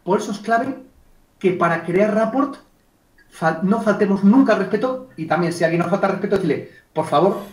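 A man leads an online workshop on communication. His voice sits high, and he acts out little client exchanges along the way. He is heard from a distance in a room with a lot of echo. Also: brisk. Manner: lively, acts out client dialogues, addresses chat participants by name. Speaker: communication trainer. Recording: echoey room, distant mic.

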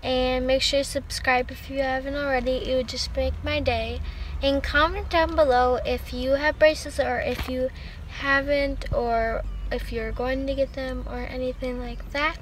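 High-voiced teen girl with new braces. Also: steady tone, a little slow, a little hiss or hum, low-quality recording. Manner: chatty, upbeat sign-off. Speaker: vlogger. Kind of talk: casual vlog chat. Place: parked car.

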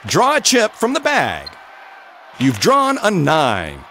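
Very animated game show host. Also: male voice, fairly high pitch, slow pace, a little hiss or hum, exaggerated voice. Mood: upbeat. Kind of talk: scripted game show hosting. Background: game show music.

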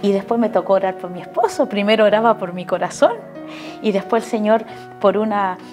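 A woman's voice: mid-range voice, steady tone, a little fast, over music. A woman with a Chilean accent giving an emotional faith testimony in a TV interview, earnestly turning to speak to the pastor again and again. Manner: earnest, keeps addressing the pastor directly.

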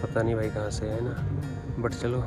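Over loud music, a twenty-something vlogger speaks in a lowish, monotone voice at a moderate pace. Filming himself outdoors on a hillside with his phone camera at arm's length, he chats casually about his travels and addresses viewers as bhai.

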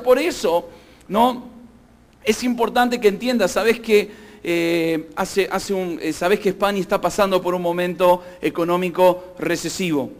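A male preacher delivers an emphatic sermon. His voice sits very high for a man, and he keeps turning to the congregation with questions. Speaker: pastor.

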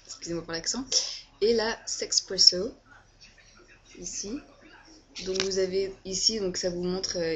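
A woman's voice: lowish voice, a little hiss or hum. Hesitant young woman reviewing makeup. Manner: hesitant, many fillers and self-corrections. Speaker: beauty vlogger. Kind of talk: casual product review. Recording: dull lo-fi home webcam audio.

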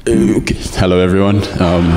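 A man's voice: low-pitched, fairly even intonation, fairly quick. A man from the Solomon Islands introducing himself shyly with a shaky voice, joking and giggling. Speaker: singing group member. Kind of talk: brief self-introduction. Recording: reverberant hall with audience noise.

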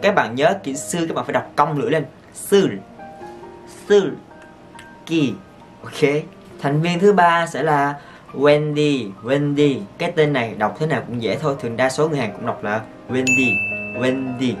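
A man, telling stories to his viewers as a vlogger in an excitable, gushing way. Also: mid-range voice, fast talker, soft background music. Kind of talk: casual storytelling to viewers.

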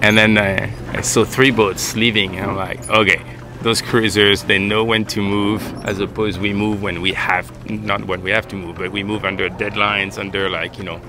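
A man co-hosting a sailing vlog, talking relaxed and rambling while out on a catamaran. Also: on the low side, moderate pace, noisy background. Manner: relaxed, rambling, laughs easily. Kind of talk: casual vlog chat. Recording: with music underneath.

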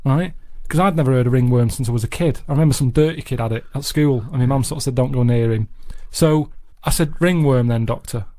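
A man telling a rambling story in a deadpan, casual chat. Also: medium pitch, fast, hardly any pauses. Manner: deadpan, rambling anecdote with repeated "I said". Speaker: podcast regular telling a story.

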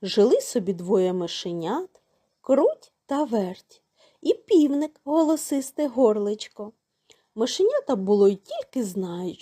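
A woman narrating a fairy tale for children in a slow, sing-song storytelling manner. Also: fairly high pitch, warm tone, slightly rough.

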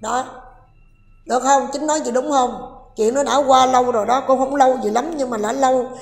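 A woman's voice: high voice, steady tone, brisk. A woman giving a sarcastic, scolding commentary and speaking directly to her viewers. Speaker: online commentator. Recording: echoey room with long reverb and faint music.

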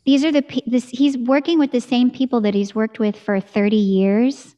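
Chatty American woman singer, bright-toned. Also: on the high side, steady tone, normal speed, lo-fi sound. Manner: chatty and enthusiastic, talks with her hands. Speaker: singer and interview guest. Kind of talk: casual video-call interview. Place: home room with curtain backdrop. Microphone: studio mic on a boom arm.

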